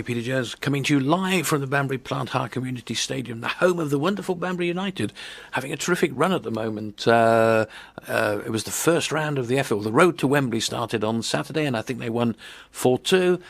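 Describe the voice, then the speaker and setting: A man's voice: mid-range voice, vocal fry, no room sound. A man hosting a live local radio show, chatting casually and joking with many fillers. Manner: jokey, rambling with fillers. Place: broadcast from a stadium room.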